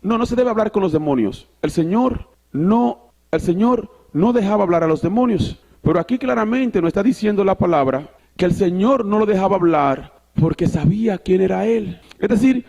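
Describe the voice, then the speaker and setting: A man's voice: sits high, expressive, moderate pace, gravelly, a little mellow. A male pastor preaching a sermon, reading scripture aloud, repeating himself and correcting his references as he goes, with an occasional "so" between sentences. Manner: bilingual filler "so" between Spanish sentences.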